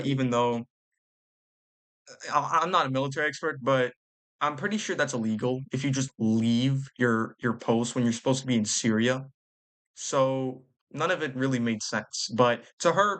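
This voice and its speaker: A man's voice: medium pitch, a bit bright. A young man giving sarcastic, blunt commentary, using slang and stumbling over his words. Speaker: commentary vlogger. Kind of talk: reaction commentary.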